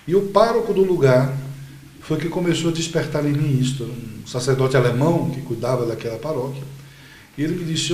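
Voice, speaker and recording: Bahian male priest, sermon-like interview answers, somewhat high voice, roomy sound. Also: a little mellow. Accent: Bahian Portuguese. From Bahia, Brazil. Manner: measured, sermon-like explaining.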